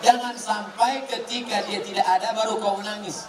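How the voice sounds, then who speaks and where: A man preaching a humorous sermon to a live audience, answering their questions with teasing jokes and swinging from soft asides to shouted points. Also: high voice, steady tone, moderate pace, very noisy. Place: large hall with a live audience. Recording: echoey hall, distant, crowd laughter.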